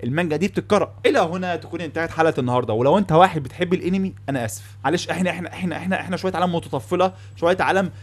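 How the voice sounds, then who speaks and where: A man's voice: on the high side, husky. A young man with an Egyptian accent telling comic stories in a podcast monologue, acting out both sides of each exchange. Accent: Egyptian Arabic. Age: young adult. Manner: fast, animated, acts out both sides of the exchanges. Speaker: comedy podcaster.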